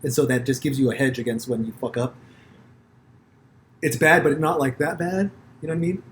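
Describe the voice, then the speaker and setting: A man from the United States hosting a podcast, telling stories in a rambling, profane, animated way with many restarts. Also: medium pitch, a little fast, a little hiss or hum. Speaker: podcast host. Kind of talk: casual conversation.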